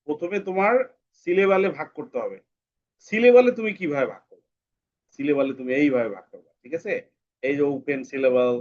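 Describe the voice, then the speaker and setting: Male teacher, patient with children, repeats words slowly; somewhat high voice, muffled lo-fi audio. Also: a little mellow. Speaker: English teacher. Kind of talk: online class for children. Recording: dull lo-fi sound.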